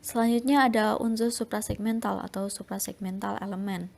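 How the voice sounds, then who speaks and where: A young woman presenting a university phonetics class talk, reading her slides in a steady, explanatory way. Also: medium pitch, a little fast, vocal fry. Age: young adult. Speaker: student presenter.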